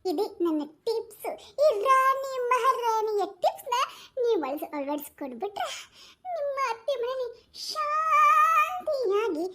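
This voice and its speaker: A woman's voice: very high voice, sing-song, a little slow, bright, forceful tone, full character voice. A woman playing a cheeky young friend who hands out teasing advice, with a North Karnataka Kannada accent, in a comic skit. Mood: playful. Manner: teasing, giggling, mock-wise.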